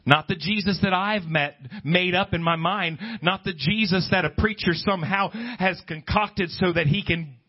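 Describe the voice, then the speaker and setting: Speaking in a high voice at a moderate pace with few pauses, a man delivers an emphatic, off-the-cuff sermon in a conversational style. He poses rhetorical questions and quotes both scripture and imagined objectors. The lo-fi recording sounds dull.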